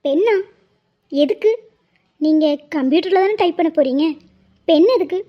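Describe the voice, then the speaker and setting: A woman's voice: extremely high pitch, normal speed. A woman voicing a polite young office worker in a cartoon, matter-of-fact in tone. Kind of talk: cartoon voice acting. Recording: dull lo-fi audio.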